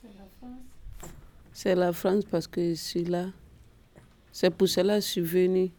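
Guinean woman interviewee, slow delivery, short answers, warm tone. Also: lowish voice, steady tone.

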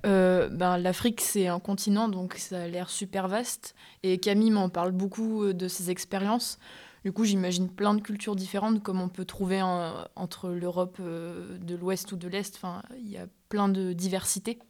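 A woman's voice: on the low side, level tone, moderate pace, darkish tone. A woman answering interview questions reflectively, with some hesitation.

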